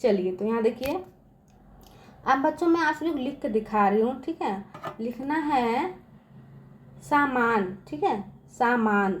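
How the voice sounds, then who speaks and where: Lady teacher talking to kids, higher voice, slow and patient, keeps saying okay. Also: lively intonation, slight background noise. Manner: repeats "theek hai" constantly, patient and drawn-out; addresses viewers as children. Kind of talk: spelling lesson for children.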